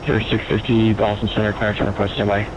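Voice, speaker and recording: A man speaks as an air traffic controller on the radio, rattling off clipped instructions at a quick clip in a low voice. The delivery stays procedural, with clear aircraft noise behind it. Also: little pitch movement, muffled recording. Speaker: air traffic controller on online flight simulation network. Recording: noisy radio with aircraft drone.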